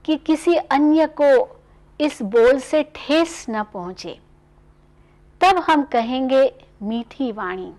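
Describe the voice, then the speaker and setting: Woman, spiritual speaker, high voice, very unhurried, gentle and instructive. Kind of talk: spiritual talk on values.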